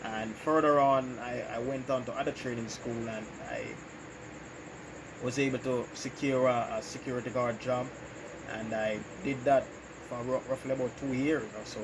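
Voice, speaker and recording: Speaking at an easy pace, a channel owner from Jamaica works through casual interview questions about his life. He stops frequently, filling the gaps with "um" and "you know," and his medium voice sits over constant noisy hiss.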